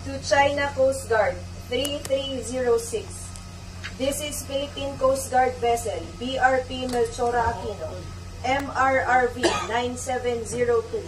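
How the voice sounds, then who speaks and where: A woman's voice: high-pitched, steady tone, measured pace. Sex: woman. Role: coast guard radio operator. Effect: marine radio transmission. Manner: firm, formal. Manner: firm, formal, reads a set warning. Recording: distant echoey marine radio.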